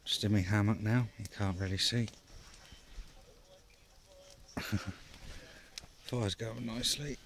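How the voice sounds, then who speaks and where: A man's voice: on the low side, fairly even intonation, takes it slowly, pauses often, a bit bright. A man vlogging from his hammock at a night camp, chatting casually with lots of fillers and banter. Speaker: bushcraft vlogger. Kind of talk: casual outdoor vlog chat.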